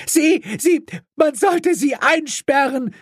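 A man's voice: very high-pitched, slow, no room sound, clean studio sound, pitched above the performer's own voice. A man doing a sputtering outraged father. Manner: breathless, sputtering, indignant. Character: outraged, panting father of the family.

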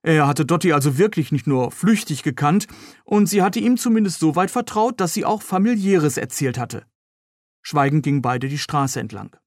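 A man reads from his novel in a calm storytelling voice. His pitch sits a touch high, and the sound is close and dry. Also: normal speed, no echo. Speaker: author reading his novel. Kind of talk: novel reading.

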